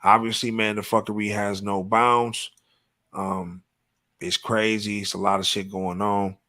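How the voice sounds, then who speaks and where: With a lowish, sharp voice, level tone and measured pace, a man hosts a live podcast. He trades casual, swear-laden, emphatic banter, frequently tossing in "you know what I'm saying."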